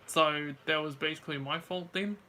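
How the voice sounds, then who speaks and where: A man's voice: on the high side, fairly even intonation, unhurried, sharp tone, slight background noise. A man chatting casually with a friend about everyday things, in slangy, informal speech. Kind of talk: casual chat.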